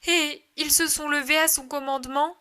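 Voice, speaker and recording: A woman's voice: high-pitched, fairly even intonation, normal speed, sharp tone, voice pushed up. A woman voicing a frantic grieving mother. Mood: pleading. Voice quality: emotional pleading delivery. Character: grieving mother, desperate, clinging to faith.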